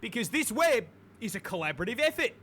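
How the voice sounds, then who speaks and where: A woman's voice: on the high side, sing-song, fast talker, loud music behind the voice. A woman doing comedic scripted narration with a sweary, exasperated delivery. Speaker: video narrator.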